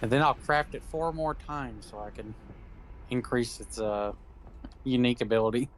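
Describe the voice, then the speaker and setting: A man's voice: mid-range voice, steady tone, moderate pace, a little hiss or hum. A man chatting casually while gaming, laid-back, laughing often and swearing freely. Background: game music.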